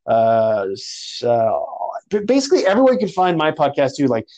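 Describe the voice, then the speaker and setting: A young man telling a story in a casual podcast chat, animated and slangy, calling people bro and dude. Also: fairly high pitch, moderate pace, poor audio.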